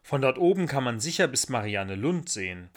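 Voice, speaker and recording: A man voicing a cheerful, trusting little girl in a storybook reading, with a high squealing childlike voice. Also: very animated, brisk, close to an everyday voice. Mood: eager.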